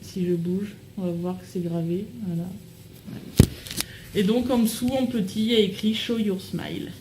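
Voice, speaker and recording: A woman's voice: mid-range voice, fairly even intonation, normal speed, reverberant, noisy background. A young woman chatting casually to camera as she unboxes a package at home, bubbly and full of fillers. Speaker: vlogger unboxing a swap package.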